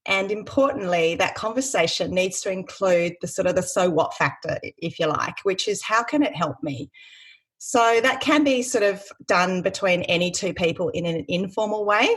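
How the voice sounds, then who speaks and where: A woman's voice: medium pitch, lively intonation, moderate pace, a bit bright, slightly rough. A woman career coach being interviewed on a podcast, speaking with enthusiasm and a smile in her voice as she explains things.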